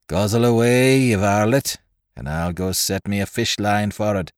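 A man voicing a gruff, jovial pirate gunner who talks in a boisterous, swaggering way. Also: on the low side, moderate pace, dry recording, studio quality, natural voice.

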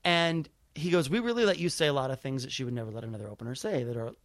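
A man's voice: mid-range voice, very fast, dry recording, studio quality. An American man telling a personal story casually, acting out the conversations as he goes. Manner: animated retelling with quoted dialogue. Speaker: stand-up comedian.

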